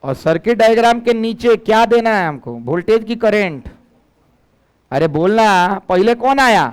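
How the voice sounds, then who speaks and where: A man's voice: high voice, expressive, a little slow, clean tone. A male physics teacher, giving a lecture and coaxing students to call out answers. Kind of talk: classroom lecture.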